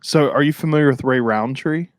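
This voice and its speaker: A podcast host speaking in easy, joking conversation, quick to tease and to laugh. His pitch is middling for a man, and the room adds almost nothing, so the sound stays dry and close. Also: no echo. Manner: joking, teasing, laughs often. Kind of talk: casual chat.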